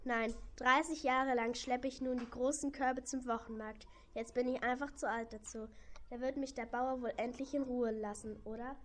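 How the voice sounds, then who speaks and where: A woman's voice: fairly high pitch, fairly even intonation, moderate pace, a bit bright, close to an everyday voice. A woman voicing a tired old donkey. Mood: weary. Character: old worn-out male donkey, gentle and hopeful. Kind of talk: children's audio play.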